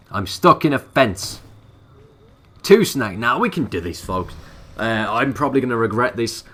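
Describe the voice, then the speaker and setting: A young man commentating a video game, excitable and swearing freely as he talks to his viewers. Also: mid-range voice. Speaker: gaming commentator. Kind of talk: let's play commentary.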